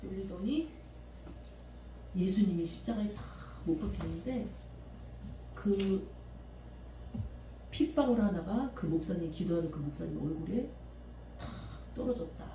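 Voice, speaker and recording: A woman pastor preaching a sermon in a church, animated, often laughing and acting out the people she quotes. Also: medium pitch, a little slow, pauses often. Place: church sanctuary. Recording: echoey room from far off, faint hiss.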